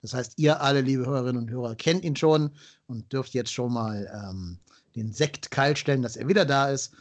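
A man's voice: mid-range voice, normal speed. A man hosting a podcast in a chatty, conversational way, speaking directly to his listeners. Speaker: podcast host.

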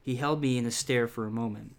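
A man's voice: mid-range voice, fairly even intonation, fast talker, creaky. Man reading a spooky book, laughing asides. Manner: laughing asides, many fillers. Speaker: podcast host reading a book aloud. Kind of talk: casual read-aloud with commentary.

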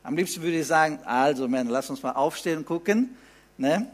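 Man in his fifties, preacher, sermon delivery, rhetorical questions, emphatic repeats, somewhat high voice. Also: expressive, a little fast.

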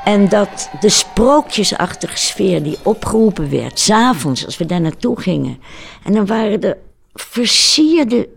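A woman in her eighties, an activist, slowly reminiscing in an interview with searching pauses. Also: mid-range voice, sing-song, vocal fry, a little hiss or hum. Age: 80s.

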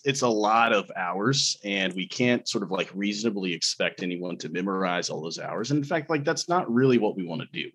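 A man's voice: fairly low pitch, fairly bright tone, slightly rough. A young man tutoring in a casual webinar, rambling with many "sort of" and "like" fillers. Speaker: LSAT tutor giving a webinar.

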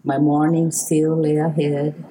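An older Hawaiian woman with a Hawaiian accent, a poet, reads her work and recalls her childhood in an interview, speaking slowly and reflectively. Her low, mellow voice is delivered flatly, and the low-quality recording has slight background noise.

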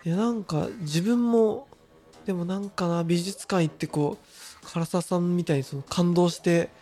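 A man's voice: sits high, moderate pace, soft background music. A man around thirty co-hosting a podcast, telling frank, rambling stories in casual chat. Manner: relaxed, rambling, frank storytelling. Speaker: podcast co-host.

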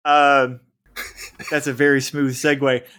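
A man's voice: medium pitch, little pitch movement, unhurried, bright, forceful tone, clear, resonant tone. A man hosting a podcast, chatting casually and reading episode credits with little stumbles and frequent laughs. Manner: laughs often, reads credits with small stumbles. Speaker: podcast host.

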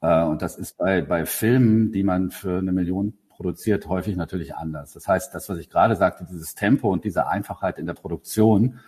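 A man's voice: sits low, fairly quick, few pauses, mellow, slightly rough. A man who produces radio ads, talking casually and at length in a podcast chat, with many fillers and restarts.

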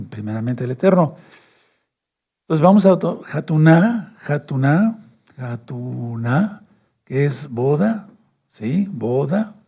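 A man's voice: a little high, lively intonation, slow pace, gravelly, long pauses, breathy edge, lo-fi sound. A man preaching and teaching at a board. He repeats key phrases, keeps asking "right?", and calls his listeners brothers while telling them to take notes. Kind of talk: sermon teaching at a whiteboard.

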